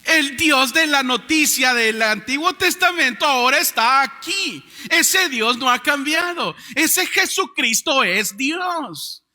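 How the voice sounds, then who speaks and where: A man preaching a sermon as pastor, calling out to his congregation to repeat words, swinging from loud proclamations to quiet low lines. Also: expressive, takes it slowly. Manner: preaching with call-and-response to the congregation. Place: church sanctuary. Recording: church hall reverb.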